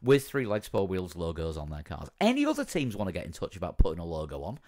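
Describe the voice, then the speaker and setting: A man co-hosting a podcast, chatting casually with relaxed, joking banter. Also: low voice, fast. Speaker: podcast co-host. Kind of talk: casual chat.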